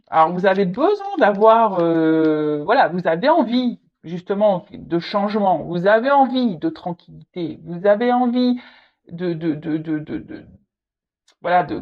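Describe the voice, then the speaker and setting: Woman tarot reader talking straight to the viewer, hesitant and repetitive, mid-pitched, muffled home recording. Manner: halting, repeats words, many fillers; speaks directly to the viewer. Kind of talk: casual tarot reading to camera. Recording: slightly dull lo-fi audio.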